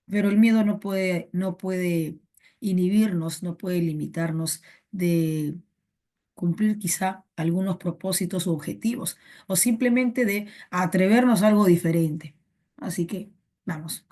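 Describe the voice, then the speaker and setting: A young Peruvian woman teaches a live online class in a slow, unhurried way, drilling synonyms again and again. Her voice is low-set and warm, heard through a computer microphone. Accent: Peruvian Spanish.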